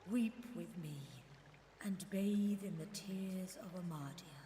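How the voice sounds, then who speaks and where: A woman's voice: mid-range voice, warm tone, a little hiss or hum, lightly acted. A woman playing a grieving, loving mother goddess in a fantasy video game, speaking in an unearthly, solemn, otherworldly manner. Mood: mournful. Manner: unearthly, slow and solemn incantation. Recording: long cavernous reverb over music.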